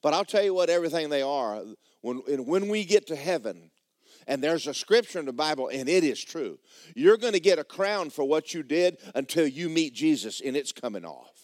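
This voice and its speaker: A man preaching a sermon as a church pastor, emphatic and drawn out, sinking low and quiet at the ends of phrases, then leaping into sudden loud outbursts. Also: sing-song, moderate pace, no room sound, studio quality. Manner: emphatic preaching with swooping pitch and sudden shouts.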